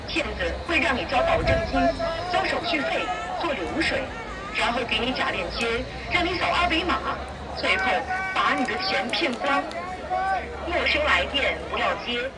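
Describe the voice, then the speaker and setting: A woman's high, lively voice recites rhyming warning slogans in a steady loop. It comes from a loudspeaker in an outdoor square. A dense crowd and loud traffic noise surround it. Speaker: public anti-fraud announcement. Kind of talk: looped loudspeaker announcement.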